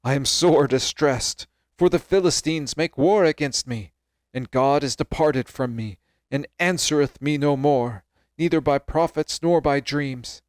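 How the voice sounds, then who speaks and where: A man's voice: fairly high pitch, measured pace, no room sound, clean studio sound, pitched above the performer's own voice, natural voice. A man voicing a distressed king in an emphatic, pleading archaic reading. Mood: desperate. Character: distressed desperate male king.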